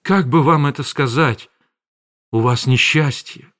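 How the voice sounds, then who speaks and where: A man reading an audiobook, voicing a kindly, worried middle-aged housewife who frets softly. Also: medium pitch, measured pace, close to an everyday voice. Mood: fretting.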